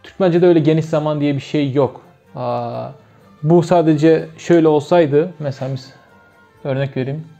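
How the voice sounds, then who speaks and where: A man's voice: a little high, normal speed, vocal fry, dark tone, dull audio, soft background music. A man with a Turkmen accent and Turkmen as his first language, teaching a casual video lesson, hesitant, with many fillers and self-corrections.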